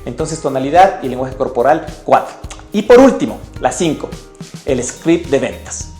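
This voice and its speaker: A man with a mid-range, slightly mellow voice speaks at a moderate pace, animated as he summarizes a sales book for the viewer. His upbeat, emotive sales lesson is recorded in an echoey space with faint music underneath.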